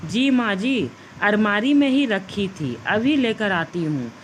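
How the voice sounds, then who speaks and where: A woman's voice: mid-range voice, expressive, slow, a little hiss or hum, low-quality recording. A woman doing a polite young daughter-in-law. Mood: dutiful.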